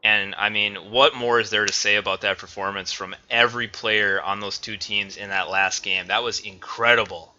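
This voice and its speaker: A man casting a live esports match, excitable and getting loud on big plays. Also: lowish voice, normal speed, hardly any pauses, dull audio. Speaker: esports caster. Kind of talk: live play-by-play commentary.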